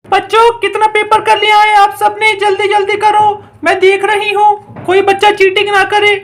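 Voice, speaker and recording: A woman's voice: very high voice, monotone, moderate pace, a bit bright. A woman voicing a strict, impatient female schoolteacher who scolds and hurries her pupils in a doll story. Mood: stern. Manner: scolding, hurrying, threatening. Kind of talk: doll story role-play.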